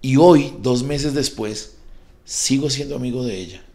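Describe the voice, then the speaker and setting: Profane Colombian comedian telling stories. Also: male voice, medium pitch, a little slow, dark tone. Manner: rambling, profane, jokey storyteller. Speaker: guest comedian. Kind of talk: casual podcast storytelling.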